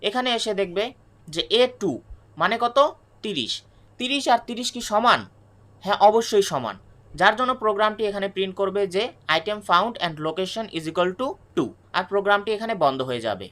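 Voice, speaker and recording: A woman teaching a programming lesson, explaining each step, then asking and answering her own questions. She reads English definitions slowly and restates them in Bengali. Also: mid-range voice, lively intonation, a bit bright. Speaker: programming tutor. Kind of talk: screen-recorded coding lesson.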